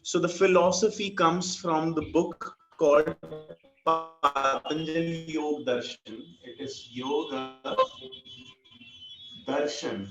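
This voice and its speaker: A man teaching yoga philosophy in an online class, explaining patiently and checking that his student follows. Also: a little high. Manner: patient, explains slowly with many checks for understanding. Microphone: video call. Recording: dull lo-fi video call audio with faint music.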